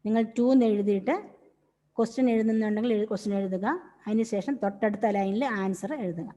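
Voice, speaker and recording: A woman's voice: mid-range voice, steady tone, fast, warm tone, long reverb tail, muffled recording. A woman teacher giving an online class over a video call, patiently repeating each instruction step by step.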